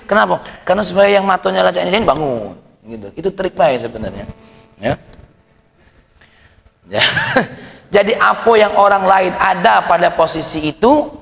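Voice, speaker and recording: A man's voice: on the high side, vocal fry, long reverb tail. A man preaching a sermon in a mosque, joking and asking rhetorical questions while his voice rises and falls. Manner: lively, jokes and rhetorical questions, voice rising and falling. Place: mosque hall.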